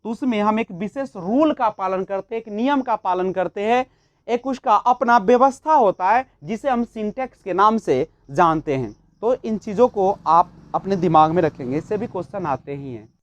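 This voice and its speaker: A woman gives an exam-prep lecture on child development for a teaching exam, posing questions and answering them herself while mixing English terms into her Hindi. Her voice is medium-pitched with lively intonation at a normal pace, and there's no room sound.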